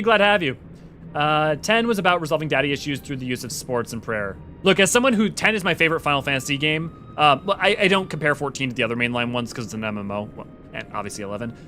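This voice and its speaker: A man hosting a casual livestream, reading viewer comments aloud and rambling excitedly with quick restarts. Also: a little high, a little hiss or hum. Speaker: livestream host.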